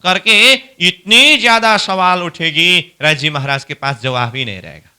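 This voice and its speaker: A man with a high, very bright and sharp voice leads a devotional scripture class at an unhurried pace. He explains each verse by asking questions and then answering them himself, his tone smooth and crisp throughout. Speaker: spiritual instructor.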